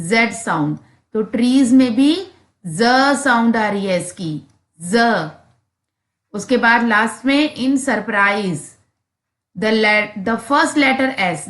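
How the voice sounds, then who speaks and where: A woman's voice: on the high side, fairly bright tone, roomy sound. A woman teacher, reading English textbook lines and explaining them in Hindi, sounding out letters for the children.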